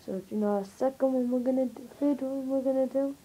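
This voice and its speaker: A woman's voice: high voice, fairly even intonation, fast talker, dark tone, breathy edge, low-quality recording. A woman hosting an amateur video, chatting casually to her viewers.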